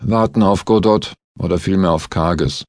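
A man's voice: sits low, moderate pace, no room sound, close to an everyday voice. A man voicing a composed male doctor-investigator who speaks with dry, amused mockery.

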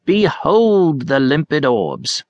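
A man's voice: a little high, sing-song, slow, darkish tone, no echo, muffled recording, voice pushed up, full character voice. A man putting on a florid, courtly old eccentric. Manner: florid, mock-Shakespearean, courtly. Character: odd, stooped old man speaking in archaic flourishes.

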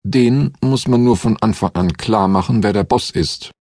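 A man voicing a gruff, commanding male warrior with a booming bass, in an audiobook. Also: normal speed, warm tone, no echo. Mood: forceful. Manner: booming, stern.

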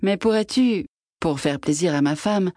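A woman voicing a poor, timid old fisherman who pleads softly. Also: lowish voice, moderate pace, no echo, clean studio sound, lightly acted. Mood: pleading. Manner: meek and pleading.

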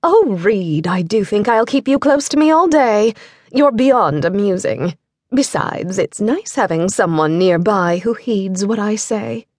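A woman's voice: mid-range voice, animated, unhurried, darkish tone, no room sound, studio quality. A woman voicing a haughty, cruel young society lady with a brittle, teasing manner. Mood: amused.

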